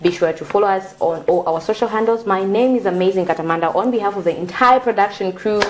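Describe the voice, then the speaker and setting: A woman's voice: mid-range voice, fast talker, a little hiss or hum. A woman hosting a TV talk show, asking questions and then closing the show, thanking viewers and the crew. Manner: frequent backchannel, upbeat sign-off thanking crew. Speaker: TV show host.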